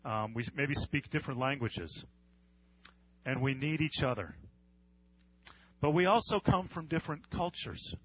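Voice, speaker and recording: A male pastor from the United States preaching an earnest sermon, with measured pauses and repetition. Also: medium pitch, slightly rough, dull audio.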